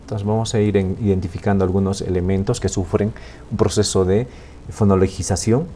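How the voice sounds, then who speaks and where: A man teaching a Quechua language lesson in Spanish with a Peruvian accent, explaining slowly and checking in often with "¿no?" and "¿sí?". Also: deep voice, steady tone, mellow, a little hiss or hum. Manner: slow, explaining with frequent "¿no?" and "¿sí?" checks.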